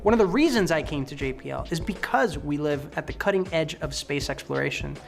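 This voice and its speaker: A man from Ecuador, a test and operations engineer, giving an upbeat, brisk scripted statement. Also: fairly high pitch, animated, gravelly, soft background music.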